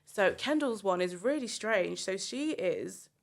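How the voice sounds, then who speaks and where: Woman, casual podcast chat, middle pitch, halting restarts. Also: lively intonation, vocal fry. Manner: chatty, trails off and restarts. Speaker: podcast panelist.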